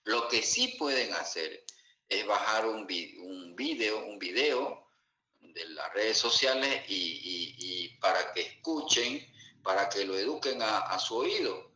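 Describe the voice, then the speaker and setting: A man's voice: fairly low pitch, expressive, takes it slowly, sharp tone. A man giving a medical lecture to students, often checking in with questions like "are we following?". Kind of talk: classroom lecture. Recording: echoey room, dull lo-fi sound.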